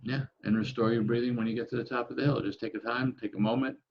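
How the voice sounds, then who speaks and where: A man leading a breathing lesson over a video call, calmly counting the breaths aloud. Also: medium pitch, vocal fry, muffled recording. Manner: calm, counting aloud slowly. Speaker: breathing instructor. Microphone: video call microphone.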